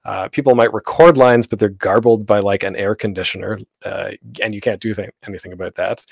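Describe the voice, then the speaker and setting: A panel host teaching audio drama production speaks in a lowish, creaky, darkish voice, fairly quick but steady in tone. He rambles casually and often stops himself mid-thought. The close, dry home recording for the online panel has no room sound.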